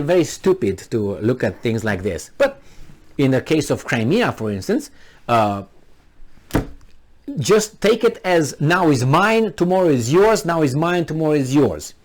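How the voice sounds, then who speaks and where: Pausing often, a man with a Romanian accent who hails from Transylvania presents an argumentative political monologue on his commentary channel, posing rhetorical question after rhetorical question. His high-leaning voice is sing-song and a little slow.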